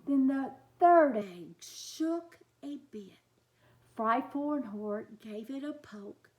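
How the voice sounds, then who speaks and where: Reading a picture book to small children, this woman uses a high voice, a very slow pace, and animated, expressive shifts in tone. Every so often she leaves the story behind to talk straight to the kids in a chatty way.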